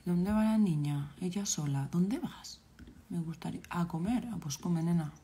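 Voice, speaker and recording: Gravelly Valencian woman streaming. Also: fairly low pitch, moderate pace, mellow. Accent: Valencian Spanish. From Valencia, Spain. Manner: chatty, exclaiming, scolding the game characters. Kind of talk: casual live-stream chat while playing a game.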